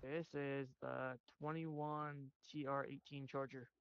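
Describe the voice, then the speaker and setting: A man's voice: mid-range voice, level tone, takes it slowly, creaky, fairly bright tone, clear, resonant tone. A man roleplaying a police dispatcher, switching between casual chat and radio calls. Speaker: player acting as police dispatcher. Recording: dull lo-fi voice chat, faint noise.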